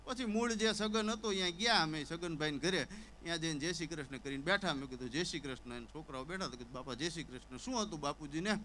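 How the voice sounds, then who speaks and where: A fast-talking man with a fairly high pitch performs Gujarati folk comedy storytelling as a stand-up comedian. On stage he acts out characters in an animated way, complete with stammers and sobbing. There's slight background noise and the audio is poor.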